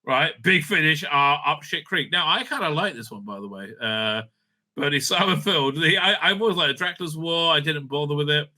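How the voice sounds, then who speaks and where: On the high side and bright, forceful in tone, this man speaks at normal speed as host of a fan review show. His casual rant is blunt and opinionated, laden with swearing and exasperation, and he often tags his points with a questioning "right?"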